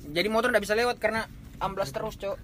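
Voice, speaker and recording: A man's voice: sits high, steady tone, quick pace, a crowd in the background. A man telling a camping ghost story in casual chat, rambling and slangy. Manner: rambling, slangy, repeats himself while describing. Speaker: storyteller on a horror podcast.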